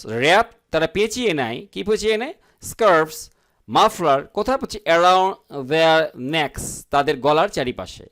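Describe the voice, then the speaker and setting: Male English teacher, slightly high, very animated pitch, word-by-word explainer who reads examples slowly and keeps checking in with the class. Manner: asks and answers his own questions, reads English sentences slowly; explains word by word, often checking in with "ঠিক আছে?". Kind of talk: Bangla-language English grammar lesson.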